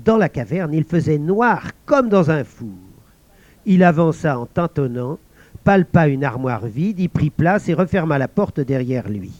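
A male storyteller reading a fairy tale aloud and speaking directly to a young listener. His voice sits fairly high. The recording is dull and lo-fi, close and dry. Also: very animated, unhurried, darkish tone, no room sound.

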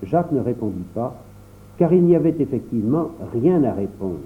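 A man reading a classic storybook aloud in the first person, with expressive storytelling. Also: medium pitch, normal speed. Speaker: audiobook reader. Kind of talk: storybook narration. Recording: tinny phone-like audio.

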